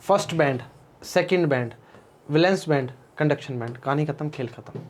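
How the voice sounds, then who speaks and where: A male physics teacher with a fairly high voice, giving a casual lecture. He talks straight to his students in a chatty, teasing way and keeps slipping into playful rhymes and asides. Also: moderate pace.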